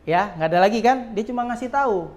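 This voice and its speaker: A teacher leads a lesson in a classroom full of children, with a voice of middling pitch. The delivery keeps turning into quick questions to the pupils, checking they follow along. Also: expressive. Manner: quizzes pupils often, with frequent tag "ya".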